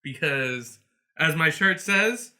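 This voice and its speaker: A man co-hosting a podcast, joking around in loud, playful banter. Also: fairly high pitch, animated, slow pace. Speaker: podcast co-host.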